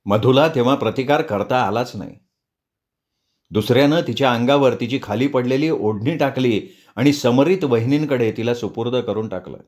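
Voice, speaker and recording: A male storyteller reads a novel aloud, audiobook style. He narrates in a steady, expressive way, at an ordinary middle pitch for a man. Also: normal speed.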